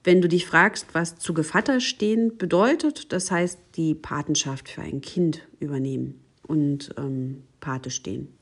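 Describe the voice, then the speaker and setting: Woman reading a bedtime fairy tale on her podcast, gentle with a kid, low husky voice. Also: measured pace, hardly any pauses. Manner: gentle, speaking directly to a child listener.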